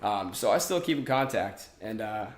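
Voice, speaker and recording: In a casual interview, a podcast guest in his twenties talks in a relaxed way, full of fillers and restarts. His voice sits on the low side at a moderate pace. The sound is roomy, with a little hiss or hum.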